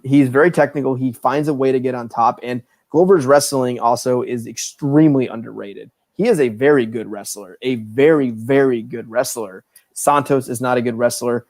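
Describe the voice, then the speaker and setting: A man co-hosting a podcast, giving a lively, swearing breakdown of an upcoming fight and acting out announcer calls. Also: medium pitch, no room sound. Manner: animated, acts out announcer calls, swears freely. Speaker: podcast co-host. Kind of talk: casual fight-analysis chat.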